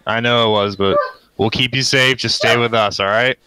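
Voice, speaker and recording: A man's voice: medium pitch, steady tone, moderate pace, bright, forceful tone, clean tone, dry recording. A man playing a tabletop roleplaying game, speaking casually in character with an earnest, reassuring manner.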